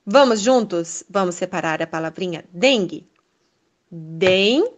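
A Brazilian woman teacher leading a first-grade lesson, reading words slowly and praising the children. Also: fairly high pitch, lively intonation. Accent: Brazilian Portuguese. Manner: slow, syllable-by-syllable, encouraging.

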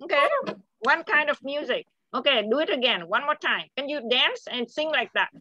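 A woman's voice: high-pitched, animated, moderate pace, bright, forceful tone, highs cut off. A woman whose first language is Vietnamese, coaching a child in an upbeat, coaxing way and saying okay again and again. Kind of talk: encouraging lesson chat.

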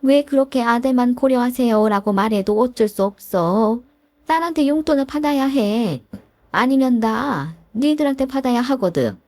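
A woman's voice: fairly high pitch, lively intonation, normal speed, darkish tone, no echo, close to an everyday voice. A woman voicing a pushy, self-pitying older mother-in-law in a storybook drama, wheedling and guilt-tripping. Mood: pleading, pushy.

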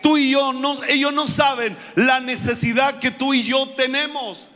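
A male pastor, preaching a fervent sermon that keeps repeating and building to shouts. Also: extremely high pitch, steady tone, a little slow, long reverb tail, slight background noise. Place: church.

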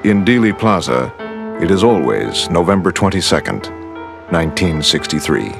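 A man giving measured, scripted documentary narration in a deep, gravelly voice. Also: big pitch swings. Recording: music underneath.

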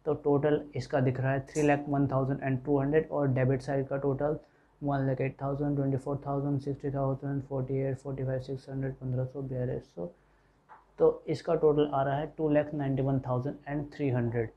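A man's voice: medium pitch, little pitch movement, a little fast, warm tone, dull audio. Man teaching accounts, step by step. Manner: explains step by step, voicing students' questions. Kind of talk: classroom lecture.

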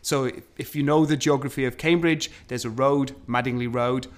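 A man's voice: medium pitch, fairly even intonation, normal speed. A man co-hosting a casual science conversation, explaining astronomy history in a storytelling way with frequent fillers. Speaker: co-host.

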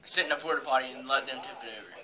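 A young American man speaks quickly and offhandedly through a lip full of dip, in casual review chat. Clear chatter runs behind him in the room. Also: medium pitch, flat delivery, rough recording. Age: young adult. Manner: slangy, offhand. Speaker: amateur product reviewer. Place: living room, indoors. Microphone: device mic a few feet away.

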